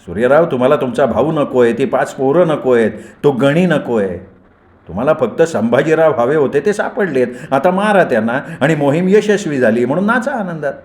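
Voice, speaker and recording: A man voicing a calm, firm male leader who reasons with angry companions in a storybook reading. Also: medium pitch, normal speed, natural voice. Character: calm level-headed adult male leader Patekar. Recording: roomy echoey recording.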